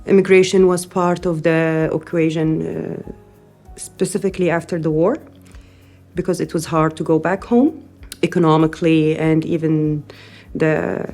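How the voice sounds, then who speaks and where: Soft-spoken Syrian woman, earnest and halting. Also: deep voice. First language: Arabic. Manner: earnest, thoughtful, frequent hesitations. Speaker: interviewee, newcomer parent. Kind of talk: interview testimony.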